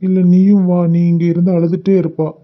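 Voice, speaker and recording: A soft-spoken young man in a cartoon, voiced by a performer coaxes and pleads in a mid-pitched voice with a Kanyakumari Tamil accent. The audio is a little dull and lo-fi. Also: flat delivery, a little fast, natural voice. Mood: pleading. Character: gentle young man, apologetic husband and caring brother. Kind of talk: cartoon voice acting.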